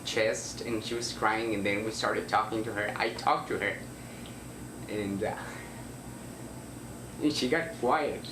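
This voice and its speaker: A man's voice: on the low side, fairly even intonation, takes it slowly, pauses often. Distant, echoey young man in his twenties. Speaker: interviewee. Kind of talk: documentary interview. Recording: roomy, distant and noisy.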